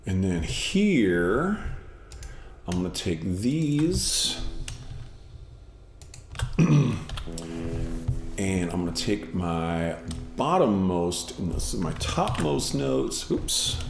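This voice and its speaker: A man with a lowish voice talks slowly while he composes on a livestream, thinking aloud and correcting himself as he goes. The room sounds roomy, and a guitar is heard clearly behind him. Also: big pitch swings. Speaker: musician streaming while composing. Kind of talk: casual livestream talk while working.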